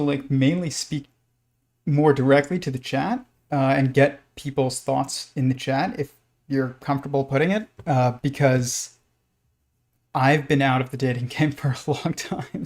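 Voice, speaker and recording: A man hosts a live stream as a loose, casual monologue. He rambles and halts as he goes, at a middling pitch. Scratching from pet lizards can be heard in the background. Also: a little mellow. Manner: halting, rambling delivery.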